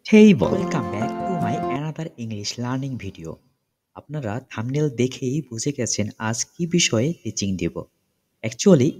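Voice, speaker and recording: Lively man teaching with echo. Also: medium pitch. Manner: lively, repeats examples with check-in questions. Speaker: English teacher. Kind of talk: explanatory lesson, mixing in English phrases.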